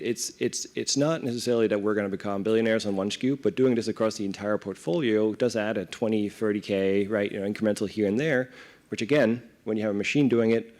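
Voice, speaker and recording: A Danish corporate director, accent clearly Danish, answers questions conversationally as a panel interview guest at a live event in front of an audience. He explains informally, regularly checking in with "right?". His voice is lowish and a little mellow.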